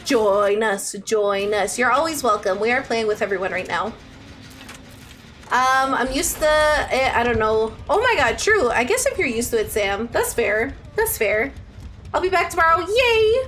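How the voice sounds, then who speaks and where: Speaking at an unhurried pace, this Ontario streamer has a very high voice that swings widely in pitch as she plays a game and reads her chat aloud. She's playful and dramatic, gushing affectionately at viewers from her indoor streaming room, with some background noise.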